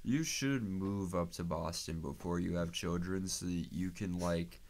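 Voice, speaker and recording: A man co-hosting a podcast in loose, excitable chat. His voice sits a little low, and he jumps from idea to idea with plenty of swearing. It sounds like two friends talking. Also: unhurried. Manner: loose, profane, excitable riffing. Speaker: podcast co-host. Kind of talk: casual chat.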